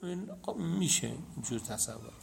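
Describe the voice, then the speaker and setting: Gravelly man teaching a hadith class. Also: mid-range voice, animated. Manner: explains step by step, recites Arabic chains of narrators. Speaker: seminary teacher. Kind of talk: hadith lesson.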